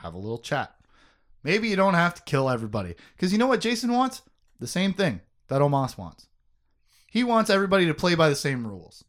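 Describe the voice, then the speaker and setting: A man talks through a book's plot in casual podcast chat, his voice rising and falling a lot as he jokes and laughs. He sits a little high for a man, and he swears freely. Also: fairly quick. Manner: animated, joking, laughs often, swears. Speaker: podcast host recapping a book.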